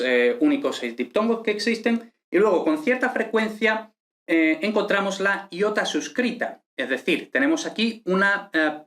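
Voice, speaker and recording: A man's voice: on the high side, fairly bright tone. A man teaching an online lesson and explaining each point step by step, often checking in with short tag questions. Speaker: teacher of ancient Greek.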